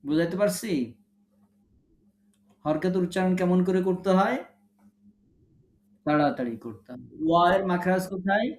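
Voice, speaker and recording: A man's voice: high-pitched, normal speed, long pauses. Patient man teaching recitation, echoey. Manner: patient corrective drilling, models sounds. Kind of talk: online class instruction. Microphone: online video call.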